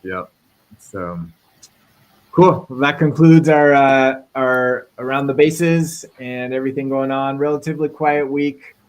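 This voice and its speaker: A man's voice: mid-range voice, measured pace, smooth, poor audio. A man hosting a casual tech podcast, chatting easily and reading a sponsor spot. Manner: relaxed, reads sponsor spot. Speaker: podcast host.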